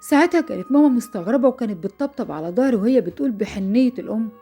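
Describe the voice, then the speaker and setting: Brief: Egyptian female storyteller, young, fearful and quick, warm husky tone. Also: a little high, animated, soft background music. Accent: Egyptian Arabic. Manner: breathless, fearful retelling. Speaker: narrator. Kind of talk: dramatic first-person horror storytelling.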